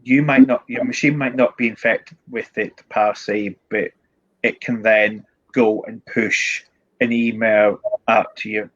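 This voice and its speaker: A man's voice: lowish voice, fairly even intonation, unhurried, a bit bright, dull audio. A man with a strong Scottish accent giving informal, matter-of-fact tech advice as a guest, with a wry touch. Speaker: IT support director, guest. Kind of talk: informal explanatory talk with tips.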